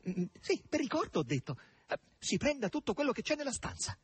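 Man doing a high, breathy young witch, excited and exclamatory, audiobook. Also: fairly quick, dry recording, full character voice. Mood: commanding. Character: young woman turned witch, reckless and elated. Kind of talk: audiobook reading.

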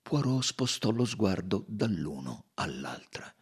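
A man narrating a novel in a dramatic, measured storytelling voice. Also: fairly low pitch, sing-song, breathy edge. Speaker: audiobook reader. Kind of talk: expressive literary narration.

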